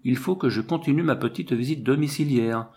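A man's voice: mid-range voice, fairly quick, a little mellow, pitched above the performer's own voice, lightly acted. A man reading the part of a small, self-important provincial police commissioner in an audiobook. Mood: bluff, chatty. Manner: chatty, self-important, confiding.

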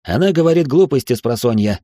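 A woman voicing a playful, good-humored nobleman in an audiobook, speaking low and teasing. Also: lively intonation, fairly quick, mellow, no echo, clean studio sound.

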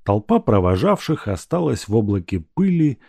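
Lively male audiobook narrator. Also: lowish voice, moderate pace, gravelly, husky, dry recording, studio quality. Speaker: audiobook reader. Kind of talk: scripted narration of a classic novel.

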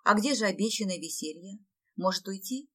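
A woman's voice: mid-range voice, animated, a little fast, sharp tone. A woman reading an audiobook, voicing a naive young village woman who speaks nervously and warily. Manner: nervous, wary.

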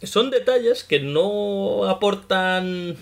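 A man with a Spain Spanish accent in casual chat, telling lively stories and acting out bits of dialogue. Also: sits high, takes it slowly. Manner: lively storyteller, acts out characters' remarks. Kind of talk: casual chat about a video game.

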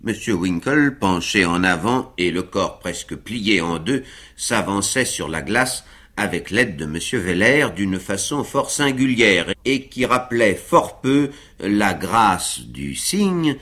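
Slow, expressive male storyteller. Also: on the low side. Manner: expressive, unhurried narration. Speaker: reader of a novel. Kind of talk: literary reading on radio.

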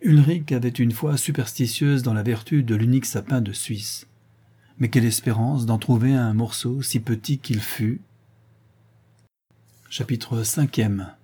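Husky, warm-toned male narrator. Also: mid-range voice. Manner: measured, expressive reading. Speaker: audiobook narrator. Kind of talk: scripted narration.

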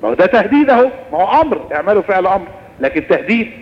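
Fast-talking Egyptian man teaching Islamic law. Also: high voice, long reverb tail, highs cut off. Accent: Egyptian Arabic. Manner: lively explanatory lecturing, answering questions. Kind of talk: recorded religious lesson.

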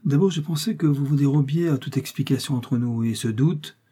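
A man reading aloud, voicing a serious, jealous count who explains himself in measured tones. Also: medium pitch, warm tone, slightly rough, natural voice. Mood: earnest. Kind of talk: audiobook reading.

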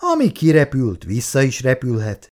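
A man's voice: mid-range voice, huge pitch swings. A man voicing a tart, scolding older wife and mother.

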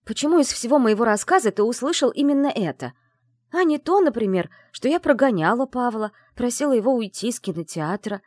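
Whiny, cheeky young heroine, voiced by the narrator; high, animated, protesting. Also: female voice, brisk, dry recording, clean studio sound. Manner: whiny and protesting, squeals, rambling.

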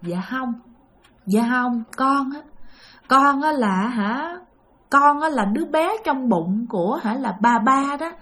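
A woman with a Southern Vietnamese accent voicing the ghost of an unborn child, speaking haltingly and pleading. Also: high voice, animated, sharp tone. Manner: halting, faltering speech.

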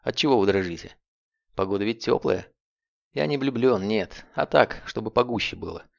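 A man with a gravelly voice voicing a vicious, frantic male captive in an audiobook, jeering and breathless, in a dull lo-fi recording. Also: fairly low pitch, fairly quick. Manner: jeering, breathless, rising to shrieks.

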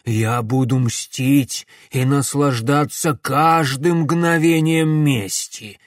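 A man voicing a gleeful, vengeful older male villain who gloats slowly over his captives in an audiobook. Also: medium pitch, no echo, studio quality, close to an everyday voice.

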